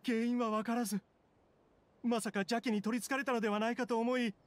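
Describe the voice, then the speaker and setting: An actor plays a nervous, sincere younger brother from town in a Japanese anime game, pleading with great formality and courtesy. Here the mood is solemn, and the mid-range voice stays steady and brisk, only lightly acted.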